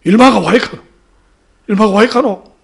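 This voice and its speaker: A man playing his gruff, drunk old father, scolding loudly in a Gyeongsang accent. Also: high voice, normal speed, voice pushed up, full character voice. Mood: bewildered. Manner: shouting, scolding.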